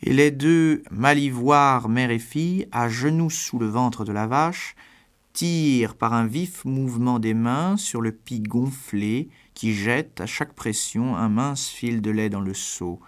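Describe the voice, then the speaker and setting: A man reading a classic story aloud in a measured way, with long pauses between phrases. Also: medium pitch. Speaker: narrator.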